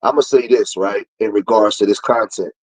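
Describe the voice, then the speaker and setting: Man in his forties, preachy streetwise talk, husky voice, phone call, gets heated. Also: fairly low pitch, fairly even intonation, moderate pace. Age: 40s. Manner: preachy, grows heated and louder. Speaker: guest. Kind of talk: casual talk on a livestream.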